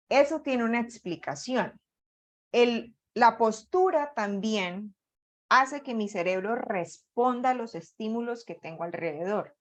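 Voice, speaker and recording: A Colombian woman with a Colombian accent leading an online workshop on job interviews, speaking with lively, deliberately varied intonation. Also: medium pitch. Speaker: workshop facilitator.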